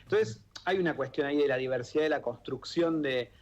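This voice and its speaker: Lo-fi sound captures a man's slightly high, brisk voice in a radio studio. The guest, an author and part of an exile-children group, was born in Italy and raised in Argentina; he speaks thoughtfully in Rioplatense Spanish with plenty of fillers and restarts.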